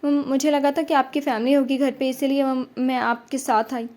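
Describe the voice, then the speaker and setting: A frightened young woman from an audio novel, timid and stammering , as a woman narrator voices her. The voice is a touch high and mellow. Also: little pitch movement, natural voice. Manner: hesitant, stammering.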